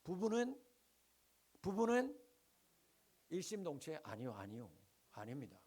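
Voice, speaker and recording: A middle-aged male pastor from the Gyeongsang region, preaching with rhetorical questions and sharp swings between loud and hushed lines. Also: on the high side, huge pitch swings, unhurried, crowd noise. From Gyeongsang region, Korea. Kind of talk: sermon.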